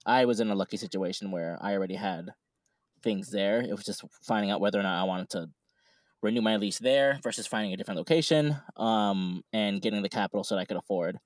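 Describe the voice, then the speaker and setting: A man's voice: lowish voice, quick pace, no echo. A man co-hosting a podcast who talks in a rambling, hesitant way with many restarts. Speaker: podcast co-host. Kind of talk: casual chat.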